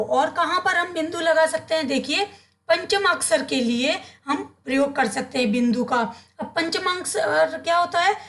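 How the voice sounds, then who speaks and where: A Hindi teacher, a woman with a high, fairly bright voice, explains grammar to her class. She poses questions to her students, answers them herself, and repeats key terms so they stick.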